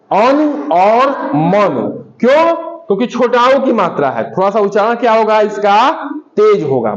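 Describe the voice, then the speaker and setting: A man's voice: high-pitched, muffled recording. A male primary school teacher giving a classroom lesson, patiently asking questions and repeating words for pupils to say back.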